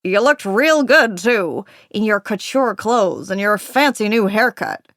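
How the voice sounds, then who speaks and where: A woman voicing a gruff, bossy male newspaper editor in an audiobook, speaking bluntly and emphatically in a cozy mystery narrator's performance. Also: mid-range voice, measured pace, fairly bright tone, no echo, studio quality, lightly acted. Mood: needling. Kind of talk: audiobook character dialogue.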